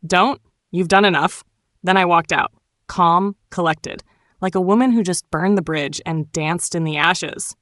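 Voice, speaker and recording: Low-voiced woman telling a wry betrayal story. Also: steady tone, unhurried, no room sound. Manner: cool, wry and sharp-tongued. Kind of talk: first-person dramatic storytime narration.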